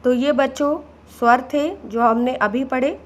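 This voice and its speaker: Slow, high-voiced woman teacher. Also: steady tone. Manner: patient, repeats words, addresses children. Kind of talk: slow classroom explanation.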